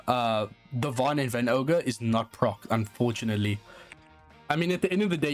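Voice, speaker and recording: South African man explaining game strategy. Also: medium pitch. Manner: casual explanatory, frequent "uh" fillers. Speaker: gaming channel host. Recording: voice-over with faint guitar music underneath. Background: faint background music.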